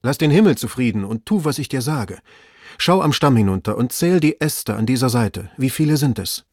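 A man reading aloud, voicing an excitable gentleman shouting urgent orders up a tree. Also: medium pitch, normal speed, husky, no echo, studio quality. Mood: commanding. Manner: loud, urgent commands. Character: excitable gentleman treasure hunter, man, agitated. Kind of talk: audiobook reading.

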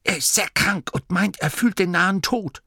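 A man voicing a blunt, bossy old gnome grandmother who is a herbal healer, in a high, commanding voice. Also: moderate pace, creaky, sharp tone, husky, no room sound, clean studio sound, heavily acted.

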